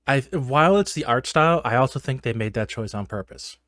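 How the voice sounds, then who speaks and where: A man's voice: mid-range voice, lively intonation, fairly quick, fairly bright tone, no echo. A man co-hosting a podcast, chiming in with playful, joking commentary in casual chat. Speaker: podcast co-host.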